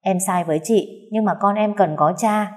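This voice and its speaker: A woman voicing a brazen young housemaid who answers back in a cocky, quick, raised voice. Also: medium pitch, a little mellow, voice pushed up, natural voice. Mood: wheedling. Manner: cocky, sassy, quick retorts.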